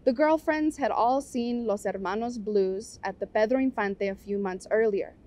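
A woman reading a novel aloud in a measured storytelling manner. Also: mid-range voice, darkish tone.

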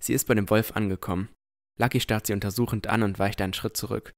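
Narrating in present tense, a cautious boy adventurer, played by a man, fills this scripted fantasy audio drama with careful, amazed wonder. The fairly low, natural voice talks fast with fairly even intonation.

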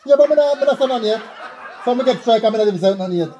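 A man's voice: very high-pitched, expressive, rapid-fire, lo-fi sound, a crowd in the background. A man in his thirties with a Jamaican accent and a heavy voice, bantering casually in a challenge game at home. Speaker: couple vlogger playing a challenge game. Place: home room, indoors.

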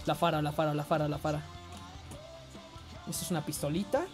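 Mexican guy streaming a shooter, excitable, swears a lot, faint music behind. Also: fairly high pitch, fairly quick. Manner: excitable, swears, frequent yelling. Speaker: game streamer. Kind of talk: live gameplay commentary.

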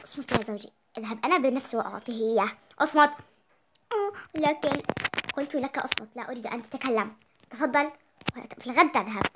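A young reader voicing a bossy, scheming poor wife who keeps ordering her husband to be quiet. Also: mid-range voice, fast, pauses often, noisy background, lightly acted.

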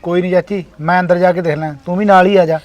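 A man's voice: sits high, fairly even intonation, quick pace, a little mellow, highs cut off, natural voice. A man acting an elder brother who insistently reasons with his family to settle a household quarrel. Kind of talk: family comedy skit acting. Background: music.

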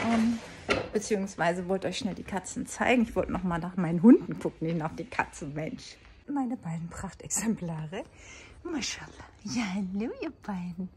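A chatty older woman vlogging casually, often dropping to a soft whisper as she talks to cats and dogs, filmed on a handheld phone. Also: mid-range voice, slight background noise. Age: 60s. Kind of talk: casual vlog chat. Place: outdoors, then at home at night.

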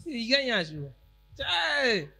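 On stage in a large tented event hall, a young man with a Nigerian accent hosts a comedy show, handheld mic in hand, teasing a guest in playful pidgin with loud bursts. His voice is extremely high, gravelly, and husky, with big pitch swings and a slow pace.

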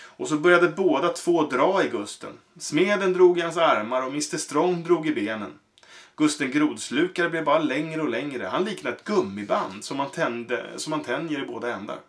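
A man reading a children's book aloud in a halting way, with fillers and self-corrections. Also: a little high, animated. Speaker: reader.

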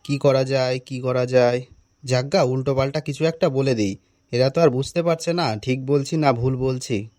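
A man's voice: mid-range voice, normal speed, a little mellow, dry recording, studio quality, pitched below the performer's own voice, close to an everyday voice. A man voicing a bumbling male schoolteacher who bluffs his way through class, muttering nervous asides to himself. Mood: flustered. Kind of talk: animated cartoon voice acting.

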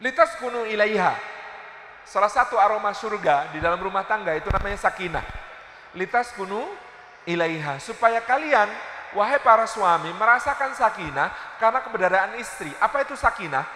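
Man, preacher, sermon, high voice, playful storytelling, mosque hall echo. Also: a little fast. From Indonesia. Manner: lively, playful storytelling with asides to the audience. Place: large mosque. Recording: echoey hall reverb.

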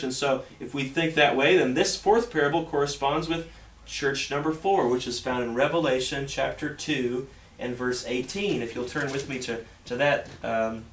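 A man preaching a sermon earnestly, often pausing on fillers and restarting his sentences. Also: medium pitch, a bit bright, slight background noise. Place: church sanctuary. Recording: echoey church room, mic at a distance.

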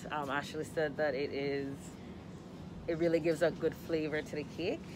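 A woman's voice: low-pitched, flat delivery, normal speed. A woman in her thirties with a Crucian accent from the US Virgin Islands, vlogging casually into a phone held at arm's length. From St. Croix, US Virgin Islands. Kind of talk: casual vlog chat. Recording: noisy handheld phone recording.

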